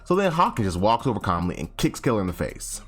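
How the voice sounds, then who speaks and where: A man's voice: lowish voice, sing-song, quick pace, breathy edge, faint music behind. A young man casually recapping a comic chapter, slangy and rambling, often correcting himself and acting out quotes. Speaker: anime chapter reviewer.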